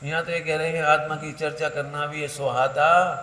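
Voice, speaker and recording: A man's voice: fairly high pitch, little pitch movement, normal speed, sharp tone. A man preaching a sermon, playful and laughing, quizzing listeners by name. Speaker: Jain preacher leading a workshop. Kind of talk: sermon with audience questions. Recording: echoey hall with faint noise.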